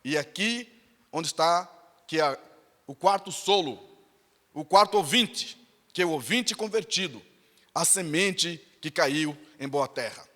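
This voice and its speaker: A man's voice: fairly high pitch, animated, measured pace, long pauses, pushed and bright. A Brazilian man preaching a sermon in a church, telling a story with emphatic, repetitive phrasing. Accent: Brazilian Portuguese. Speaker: pastor. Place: church sanctuary. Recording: reverberant church hall.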